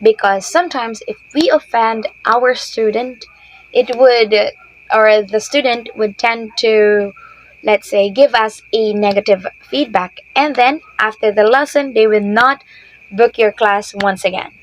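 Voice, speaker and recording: A woman's voice: on the high side, a little slow, rough recording. Woman ESL teacher giving tips. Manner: repeats "okay?" often, patient and explanatory. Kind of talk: instructional talk to teachers.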